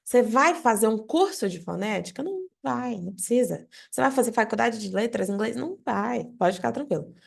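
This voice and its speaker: Brief: Brazilian woman teacher, close mic, a bit of vocal fry, direct and lively to camera. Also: on the high side, a little fast, few pauses. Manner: explains directly to viewer, lively questions. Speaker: English teacher. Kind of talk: online language lesson.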